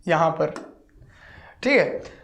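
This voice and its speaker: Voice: mid-range voice, lively intonation, a bit bright. A geography teacher giving an online class, speaking patiently, repeating words and sounding them out syllable by syllable, often checking in with the listener. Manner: patient, repeats words and drills pronunciation slowly.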